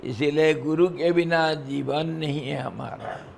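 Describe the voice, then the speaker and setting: A man speaks as a swami in a devotional discourse, with very slow, drawn-out phrasing and long pauses. His voice sits a little high and has a gravelly edge. He chuckles between points and mixes chanted verses into the talk, over a faint hiss. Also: a little mellow. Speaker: swami giving a scripture discourse.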